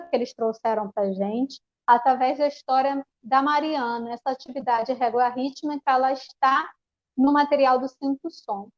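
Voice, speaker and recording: A woman's voice: high-pitched, a little mellow, highs cut off. A woman teacher with a Brazilian Portuguese accent explains a classroom activity over a video call, with many restarts and fillers. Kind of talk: online panel presentation. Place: home.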